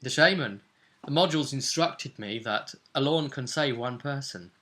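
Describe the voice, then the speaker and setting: A man's voice: medium pitch, expressive, normal speed, fairly bright tone. A man hosting as game master, casually recapping a tabletop role-play session and repeating phrases for dramatic emphasis. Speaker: game master and vidcast host.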